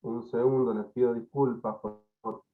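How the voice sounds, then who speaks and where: A man's voice: mid-range voice, level tone, moderate pace, faint music behind. A man giving an online lecture over a breaking-up internet connection, hesitant, with many fillers and repeated words. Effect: choppy, breaking-up internet connection. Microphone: video call. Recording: tinny, choppy online call audio.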